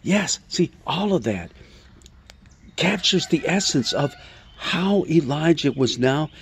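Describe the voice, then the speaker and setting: A man speaking as a pastor in a relaxed, informal Bible talk. He retells scripture in an animated, conversational way and breaks off for asides and questions to his listeners. He reads passages aloud, then comments on them warmly. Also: on the high side, takes it slowly, slight background noise.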